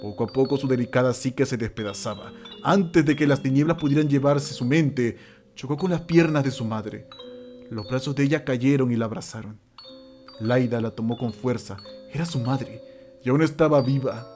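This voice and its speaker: In a mid-range voice with a slightly mellow quality, a narrator delivers a scripted horror story. His style is suspenseful and theatrical, punctuated by dramatic pauses over background music.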